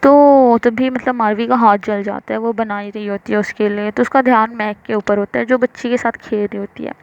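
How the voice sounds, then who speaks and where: A woman's voice: on the high side, steady tone, a little fast, vocal fry, no room sound, muffled recording. A woman narrating a love story casually, with many fillers and restarts. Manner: loose, filler-heavy retelling.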